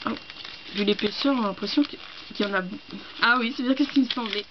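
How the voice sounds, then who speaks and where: Young woman vlogger, higher voice, gushing and hesitant, muffled home mic. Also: brisk. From France. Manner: gushing, excitable, hesitant with fillers. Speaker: book vlogger. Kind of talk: casual unboxing chat. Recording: dull lo-fi home recording with faint hiss.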